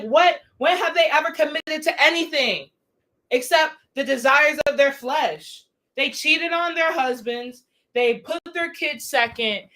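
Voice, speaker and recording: A woman's voice: sits high, fairly bright tone. A young woman livestreaming a casual rant, blunt and profane, firing off exasperated rhetorical questions. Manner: rhetorical questions, drawn-out emphasis.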